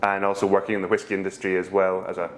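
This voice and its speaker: With a low Scottish voice, a whisky brand ambassador gives laid-back interview answers, rambling through anecdotes with plenty of ums and pauses. A faint hiss or hum runs in the background.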